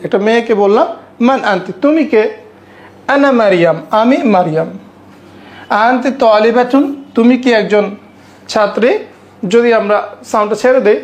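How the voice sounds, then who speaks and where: A woman teaching an Arabic language lesson, saying phrases slowly, repeating them and often checking with her students. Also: mid-range voice.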